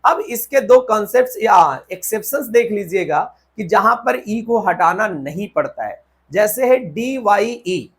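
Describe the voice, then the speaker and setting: An Indian man with a husky, fairly high voice and lively intonation teaches grammar at a whiteboard. He spells words out letter by letter and checks often that students understand, slowing to a deliberate read when going through English rules.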